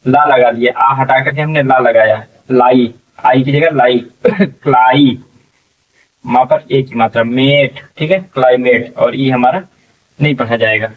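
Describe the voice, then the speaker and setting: Male tutor, unhurried spelling drill, heard from a distance on a dull lo-fi mic. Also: medium pitch, steady tone. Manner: slow, drawn-out syllable-by-syllable sounding out; frequent "theek hai" check-ins. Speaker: English teacher. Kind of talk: spelling lesson, sounding out words letter by letter.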